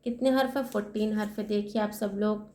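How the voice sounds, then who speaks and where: A woman teaching Quran recitation step by step. She asks her own questions and answers them, and she spells out letters slowly. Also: mid-range voice, steady tone, darkish tone. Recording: echoey room.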